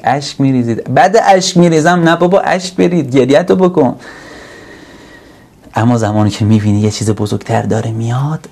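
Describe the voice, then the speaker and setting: Male preacher, warm gravelly voice, earnest sermon delivery that swells into slow emphatic peaks. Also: medium pitch. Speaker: religious speaker.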